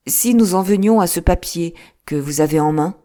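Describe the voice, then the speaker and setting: A woman voicing a brisk, businesslike male lawyer in an audiobook, quick to take offence. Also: lowish voice, dark tone, close to an everyday voice. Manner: plain, businesslike, quickly irritated. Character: brisk, touchy middle-aged male lawyer. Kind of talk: audiobook character reading.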